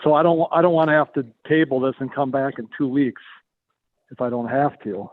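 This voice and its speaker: A man's voice: medium pitch, brisk. A man speaking over the phone into a public meeting, hesitant and repeating his words. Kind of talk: meeting testimony. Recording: tinny phone line.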